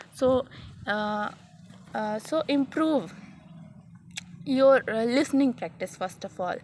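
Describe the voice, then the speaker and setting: Slow, hesitant Indian English woman. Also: high voice, slight background noise. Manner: halting, many fillers and restarts, repeats "okay". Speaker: English learning vlogger. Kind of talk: casual spoken lesson.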